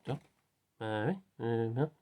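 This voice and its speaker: A man's voice: mid-range voice, unhurried, dark tone, clean tone. A man vlogging in a casual spiritual monologue, rambling and playful, with lots of fillers and repeats.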